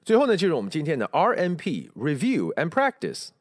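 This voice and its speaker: A man teaching English pronunciation, explaining and slowly repeating English phrases to show stress and intonation. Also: fairly high pitch, huge pitch swings, no echo, clean studio sound. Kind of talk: pronunciation lesson with spoken examples.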